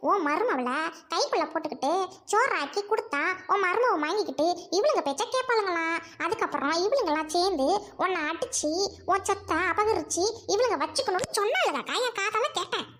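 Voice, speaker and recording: Cheeky village wife played by a woman, rattles off quarrels in a very high voice. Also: animated, fairly bright tone. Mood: complaining. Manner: quick, chattering, teasing and quarrelsome. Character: young married village woman, gossipy and cheeky. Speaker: village wife in a comedy skit. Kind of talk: village comedy drama.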